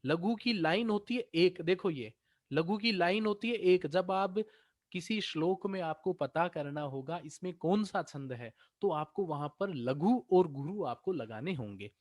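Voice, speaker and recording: A man with a fairly high voice teaches Sanskrit grammar to exam students. He explains patiently and repeats each point, often posing a question and then answering it himself. The sound is dry and close, with no room around it. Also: unhurried, no echo. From India. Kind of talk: exam-prep grammar lecture.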